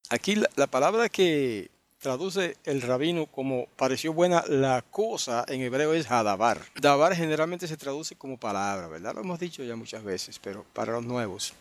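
A man teaching an online Bible study at a middle pitch. He reads each verse aloud and then explains it, thinking aloud as he goes. He keeps checking in with his listeners along the way. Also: expressive, normal speed. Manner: thinks aloud with restarts and asides. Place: online group meeting.

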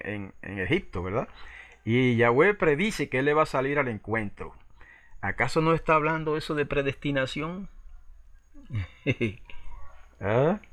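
A man's voice: medium pitch, a bit bright. A man teaching a Bible study, reading verses aloud and explaining them, often checking with listeners.

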